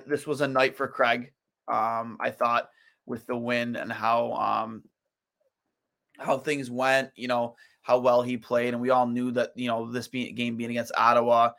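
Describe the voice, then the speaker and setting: A man's voice: medium pitch, vocal fry, pushed and bright. A tired man hosting a solo sports podcast, rambling through his thoughts with lots of fillers and restarts. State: tired, yawning.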